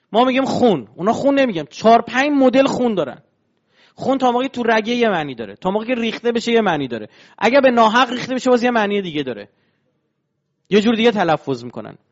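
A man with a high-pitched voice lecturing on religion. He explains his points patiently and keeps turning to his audience with rhetorical questions. The recording sounds dull and lo-fi. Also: big pitch swings.

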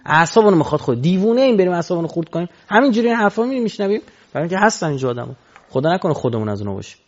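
Animated male preacher on a dull recording. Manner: animated, swinging between loud exhortation and low murmurs. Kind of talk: religious sermon. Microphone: microphone.

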